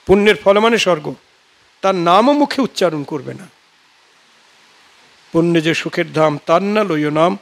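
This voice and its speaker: Male Bengali preacher, high voice, unhurried, chants scripture between stories. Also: animated, creaky. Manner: slow, drawn-out chanting of verses; tells scripture stories acting out dialogue. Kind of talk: devotional sermon with sung verses.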